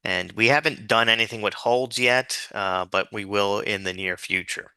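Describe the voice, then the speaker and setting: This instructor's lowish voice is bright, forceful, clear, and resonant, moving at a moderate pace in a dry recording. Informal and patient, he guides listeners through a spreadsheet one step at a time, dictating formulas piece by piece and spelling out letters and symbols.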